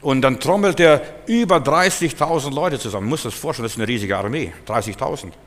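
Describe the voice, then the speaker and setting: A man's voice: mid-range voice, fast, fairly bright tone. A man preaching a sermon emphatically, acting out Bible scenes in different voices. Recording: long hall reverb.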